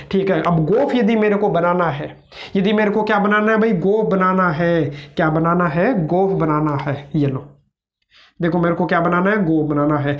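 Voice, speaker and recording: A male math tutor teaching a lesson, who keeps asking rhetorical questions and answering them himself. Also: high voice. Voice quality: repeats his own questions with a drawn-out "bhai". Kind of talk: classroom math lecture. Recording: roomy, slightly dull lo-fi sound.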